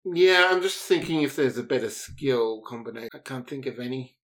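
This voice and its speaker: A man narrating a tabletop game as game master, halting and thinking aloud. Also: mid-range voice, a bit bright.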